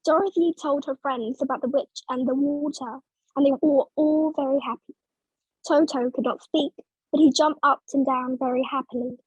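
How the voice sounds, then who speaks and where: Woman narrator, high voice, dry close recording, clear simple storybook reading for English learners. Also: fairly even intonation, moderate pace, dry recording, highs cut off. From Vietnam.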